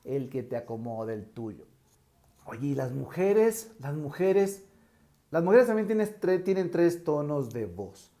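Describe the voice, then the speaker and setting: Slow, mellow Mexican man teaching. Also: sing-song. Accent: Mexican Spanish. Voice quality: tenor voice. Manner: demonstrative, shifts pitch to show examples. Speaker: teacher trainer. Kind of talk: online teaching lesson.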